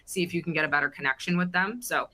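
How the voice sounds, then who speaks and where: A woman's voice: on the low side, racing, pushed and bright. Upbeat woman hosting a webinar. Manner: upbeat, with many ums. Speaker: webinar host.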